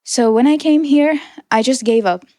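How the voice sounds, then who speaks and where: This is a high, warm female voice at normal speed, recorded dry with studio quality. She's a young woman in her twenties from Iran whose first language is Persian, and she earnestly recounts her own experiences in an interview conversation. Her delivery is reflective, punctuated by little restarts and soft laughter.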